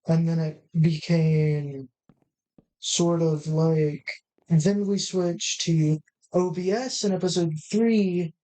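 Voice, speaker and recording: Speaking into a desk mic on a rough recording, a gaming channel host offers casual gameplay commentary, rambling and correcting himself as he thinks aloud. His mid-range voice is steady, slow and dark in tone.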